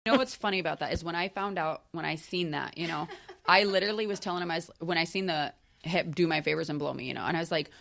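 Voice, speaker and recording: A woman's voice: on the low side, fast, gravelly, a bit bright. A woman in her thirties, a podcast guest, rambling through personal stories with lots of "or whatnot" fillers. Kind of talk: casual podcast chat.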